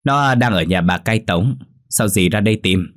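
A man's voice: on the low side, moderate pace, natural voice. A man voicing plain, chatty village farmhands who gossip offhandedly.

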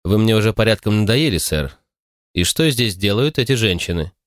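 This is a cold, haughty man who brushes everyone off, as a man reads him. His voice stays low and disdainful. The reading is dry and close. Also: lively intonation, moderate pace, no echo, lightly acted.

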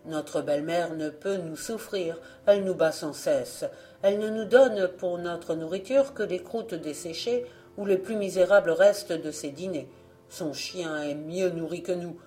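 A woman's voice: fairly low pitch, a little slow, warm tone, close to an everyday voice. A woman voicing a young boy, a hungry and restless brother who speaks wearily and complains, in a storybook reading. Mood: despairing. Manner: weary, complaining.

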